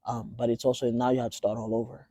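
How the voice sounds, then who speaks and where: A young man from Tanzania talks as an interview guest, easygoing and halting, often restarting his sentences. His voice is dark and mellow at an average pitch. The sound is dry and close. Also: creaky, no echo. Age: 20s. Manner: relaxed, halting, with many fillers and restarts. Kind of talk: casual interview.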